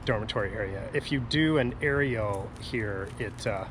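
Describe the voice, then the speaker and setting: A man working as a campus tour guide, talking informally and off the cuff in a halting, rambling way. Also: on the low side. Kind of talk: casual unscripted walking tour commentary. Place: outdoors on a campus. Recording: noisy outdoor audio with traffic ambience.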